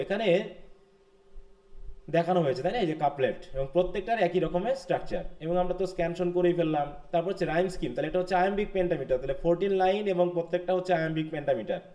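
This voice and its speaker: A man's voice: a little high, mellow. A man from Bangladesh teaching a live online class, questioning students and mixing English terms into his lecture.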